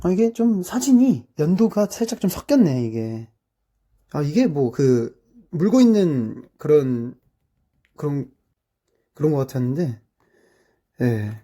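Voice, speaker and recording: A young man from South Korea chatting casually through his childhood photos, with lots of drawn-out filler words and amused asides. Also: a little high, big pitch swings, dark tone. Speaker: streamer.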